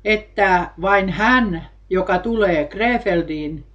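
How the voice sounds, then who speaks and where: Brief: woman preacher, solemn and measured, mid-pitched, steady sermon delivery. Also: lo-fi sound.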